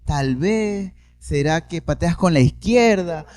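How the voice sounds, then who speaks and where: A woman's voice: on the low side, lively intonation, slow, darkish tone, pitched above the performer's own voice. A man imitating a worried, pleading mother. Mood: anxious, pleading. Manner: pleading, questioning. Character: worried mother, tearful and bewildered.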